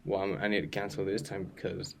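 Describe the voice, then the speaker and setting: A man's voice: low-pitched, little pitch movement, fast, vocal fry, slight background noise. A man in his twenties, a real estate agent co-hosting a podcast, talking casually and full of slang. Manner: laid-back slangy talk, keeps saying "you know what I mean". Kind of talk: casual chat.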